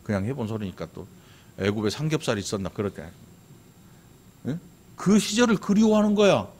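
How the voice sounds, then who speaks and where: A middle-aged male pastor preaching a sermon, conversational and questioning the congregation, swinging from loud to soft. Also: medium pitch, sing-song, fairly quick. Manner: asks the congregation questions, imitates regional dialects.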